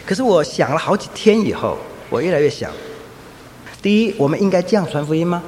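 A man preaching a sermon, telling lively anecdotes and acting out the voices of people in his stories. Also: high voice, a little fast. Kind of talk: sermon with storytelling. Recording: echoey hall, faint ambient noise.

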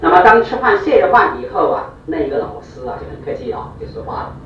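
Male preacher, storytelling sermon, quick and lively delivery, echoey distant hall sound. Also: sits high, lo-fi sound, slight background noise. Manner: animated, fast, repeats for emphasis.

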